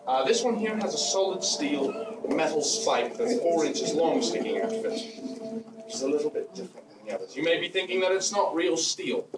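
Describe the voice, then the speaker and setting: A man working a live stage as a magician, his fairly high voice rising and falling in lively swings. He banters and teases in a playful way. The sound is echoey and picked up from far off, with loud ambience around him. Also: brisk, very noisy. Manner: playful, teasing banter with a volunteer. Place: live stage before an audience.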